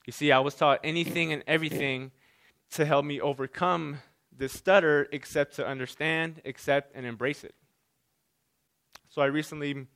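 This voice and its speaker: Addressing an audience with a personal talk, a man who stutters keeps repeating sounds and starting words over. He speaks in a mid-range voice that is a bit bright, clear and resonant.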